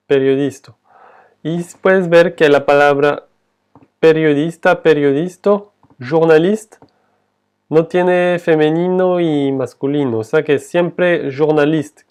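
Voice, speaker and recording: Man, French teacher, slow careful delivery, smooth resonant voice, repeats words for learners. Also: a little high, a little mellow. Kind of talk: slow, patient language lesson.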